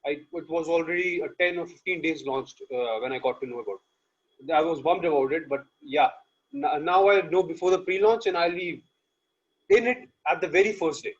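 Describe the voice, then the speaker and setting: A man's voice: a little high, normal speed, husky. A man from Malaysia joining a video call, eager and repeating words for emphasis. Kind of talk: casual guest remarks. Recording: dull lo-fi call audio.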